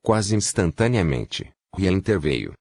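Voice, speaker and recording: A man narrating a fantasy novel as an audiobook, reading in a steady, even pace. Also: deep voice, measured pace, creaky, breathy edge, dry recording, studio quality.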